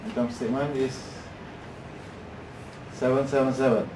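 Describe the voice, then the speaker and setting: A man's voice: mid-range voice, level tone, normal speed. A man with a Malaysian accent asking questions in an informal meeting, in Manglish-style English mixed with Malay. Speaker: questioner at a mock company meeting. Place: indoor room, far from the mic. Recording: echoey room, distant mic, faint noise.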